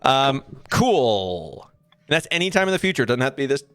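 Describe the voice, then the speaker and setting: A man's voice: mid-range voice, sing-song, normal speed, fairly bright tone, smooth, no room sound. A man as dungeon master of an online tabletop game, chatty and a little disorganized, laughing often.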